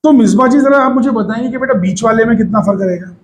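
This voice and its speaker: A man teaching physics to a class of students, lively and coaxing, calling them to listen and asking if they follow. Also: very high-pitched, fast. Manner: lively, coaxing, addresses students as beta, mixes English phrases.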